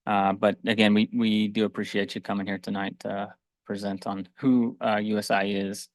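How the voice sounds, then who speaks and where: A man's voice: on the low side, flat delivery, moderate pace, dry recording. A man chairing a school board meeting, formal and with frequent hesitations.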